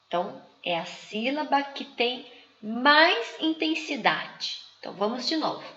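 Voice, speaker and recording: A woman giving a slide lecture to teachers, speaking in a slow, didactic way and drawing out example words. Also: sits high, lively intonation, bright, forceful tone. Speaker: teacher trainer. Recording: muffled, echoey room.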